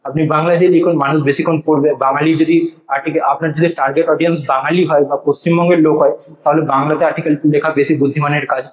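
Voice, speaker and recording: Man, rapid confident tutorial delivery, recorded in a bare room with heavy echo. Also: on the high side, level tone. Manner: earnest, confident advice-giving. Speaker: blogging and SEO YouTuber. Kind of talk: casual tutorial monologue to camera. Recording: echoey untreated room.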